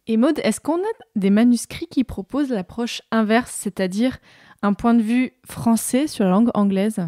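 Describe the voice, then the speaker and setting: Podcast host lady, lively questions, dry close sound. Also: on the high side, moderate pace, dry recording. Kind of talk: interview questions.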